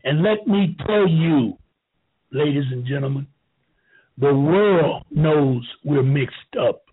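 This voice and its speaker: A man in his seventies telling a rambling story slowly, with halting restarts. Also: fairly high pitch, husky. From United States. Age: 70s. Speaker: show host. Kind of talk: rambling talk. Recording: tinny phone-like line.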